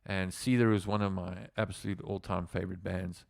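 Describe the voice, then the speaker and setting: A South African man, a native Afrikaans speaker and musician, rambles through stories on a casual livestream, full of fillers and restarts. His voice is low, gravelly and darkish, delivered flatly at normal speed. The sound is clean studio quality with no room echo.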